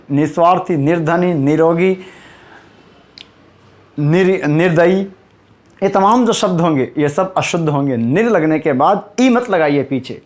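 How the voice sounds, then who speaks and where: Slow, repetitive male Hindi teacher. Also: on the high side. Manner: slow, repeats words for emphasis. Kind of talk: spelling lesson for exam students.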